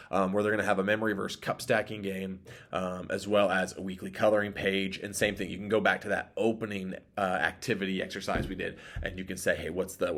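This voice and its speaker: A young man leading a children's ministry, casually briefing volunteers on the week's plan with lots of ums. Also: on the low side. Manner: relaxed, rambling with frequent ums. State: allergies, may sneeze.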